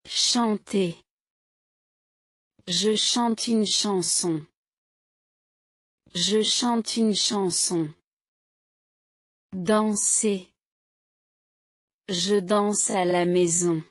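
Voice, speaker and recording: A woman reads out vocabulary at a very slow, careful pace, giving each word and then repeating a short example sentence. Her voice is mid-pitched and recorded close and dry, with no room around it. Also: steady tone, no echo. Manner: clear, deliberate, evenly paced. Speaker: French teacher.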